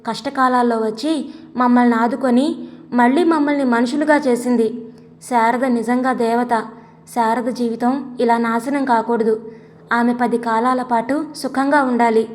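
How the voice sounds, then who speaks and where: Lady reading a sad earnest doctor dad in a storybook, highish voice, echoey. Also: steady tone, measured pace, lightly acted. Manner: earnest, sorrowful. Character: grieving doctor father, troubled and earnest. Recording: long echoey reverb.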